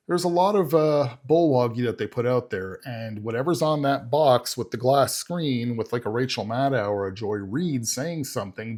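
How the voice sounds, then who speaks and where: Husky-voiced man rambling over clips. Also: mid-range voice. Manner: rambling, searches for words, folksy. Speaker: political reaction channel host. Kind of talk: casual commentary reacting to clips.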